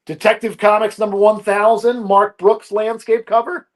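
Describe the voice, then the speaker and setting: Picture a man with a notably high voice selling comic books on a live stream. He rattles off issues and prices in an upbeat, brisk salesman's patter. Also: little pitch movement. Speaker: comic book seller on a live auction.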